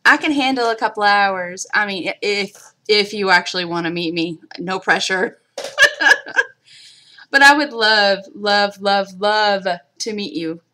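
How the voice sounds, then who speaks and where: Unhurried and sharp-toned, this mid-range female voice belongs to a Kentucky crafter in middle age who chats casually with viewers on a live stream. She has a mild Kentucky accent and chattily talks with the chat.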